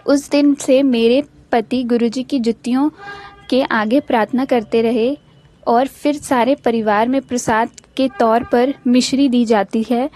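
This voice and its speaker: A woman reading a devotee's first-person testimony aloud in a steady, reverent way, with small restarts now and then. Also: on the high side, unhurried, soft background music. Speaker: devotional channel narrator.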